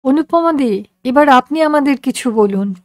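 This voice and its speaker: A woman's voice: high voice, lively intonation, measured pace, darkish tone, no room sound, clean studio sound. A woman voicing a friendly female colleague who speaks coaxingly.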